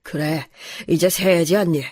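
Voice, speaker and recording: A woman doing an older father-in-law, lowered calm voice, mild, dry close sound, radio drama. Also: measured pace, dry recording.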